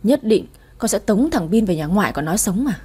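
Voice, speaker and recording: A woman's voice: mid-range voice, sing-song, fairly quick, mellow, slightly rough. A woman voicing a stern young father who talks in a cold, curt, scolding way while reading a story aloud.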